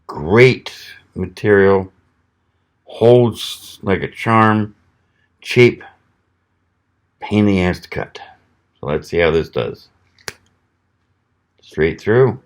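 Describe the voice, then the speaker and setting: A man from the American South, reviewing a knife on camera in a relaxed, folksy way, thinking aloud while he cuts. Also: sits low, extremely slow, long pauses. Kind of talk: casual product test vlog.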